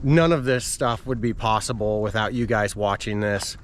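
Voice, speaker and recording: A man's voice: on the low side, moderate pace, slight background noise. A man talking casually to his viewers as a running vlogger while out on a walk outdoors. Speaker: running vlogger and channel host. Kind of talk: casual vlog talk to camera.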